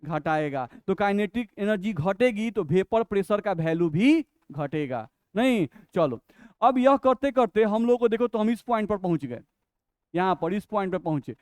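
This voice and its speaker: A man with a Bihari Hindi accent gives a chemistry lecture in a high, smooth voice. He works through each point patiently, putting questions to the class and answering them himself. The recording is close and dry. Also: lively intonation, darkish tone, no room sound. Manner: explains step by step, asks and answers his own questions; reads English definitions slowly and deliberately. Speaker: chemistry teacher.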